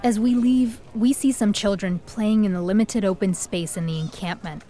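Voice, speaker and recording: A woman co-hosting a podcast, narrating the story in a measured, scripted way. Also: mid-range voice, mellow. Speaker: podcast co-host.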